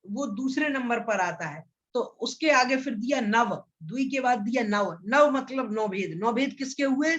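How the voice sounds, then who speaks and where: A man teaching a scripture lesson, asking questions and answering them himself, and chanting verses slowly. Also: very high voice, a bit bright, highs cut off. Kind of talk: explanatory lesson.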